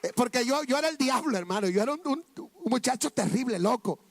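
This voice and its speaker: A man's voice: extremely high pitch, expressive, brisk, dry recording, clean studio sound. A man preaching a sermon testimony, fervent and repetitive, often calling out to his listeners as brothers.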